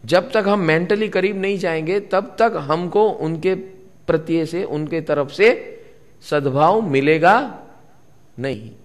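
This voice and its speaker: Male spiritual teacher, slightly high voice, slow deliberate sermon, questions to audience, long hall reverb. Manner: repeats key words, asks the audience questions. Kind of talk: spiritual discourse to a live gathering.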